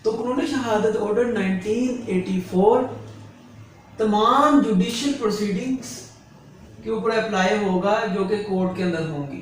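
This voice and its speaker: A man with a high voice and a Pakistani accent explains law in an instructional lecture as a lecturer and advocate. He speaks at a measured pace in a didactic manner, repeating key phrases for clarity. The recording has a distant mic, faint noise, and a very echoey room.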